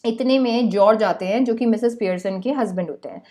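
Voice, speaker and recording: A woman's voice: mid-range voice, warm tone. A young woman teacher casually retelling a play to her class, chatty and full of asides. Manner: chatty, mixes in English words, quick asides to students.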